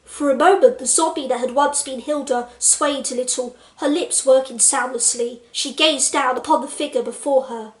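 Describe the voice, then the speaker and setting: A woman's voice: high voice, steady tone, normal speed, hardly any pauses, echoey room. A woman giving a comedic book review, sarcastic and incredulous as she reads passages aloud and comments on them.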